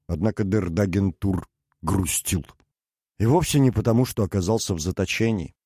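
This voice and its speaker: A man narrates a novel in an even, measured storytelling voice. His tone is low, and the recording is close and dry, with no room sound. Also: breathy edge, dry recording. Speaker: audiobook narrator. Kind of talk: scripted audiobook narration.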